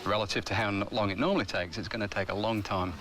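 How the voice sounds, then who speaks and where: A fast-talking crocodile expert with a lowish, steady, slightly bright voice explains things off the cuff on location outdoors for a nature documentary. The outdoor recording carries music along with the location sound.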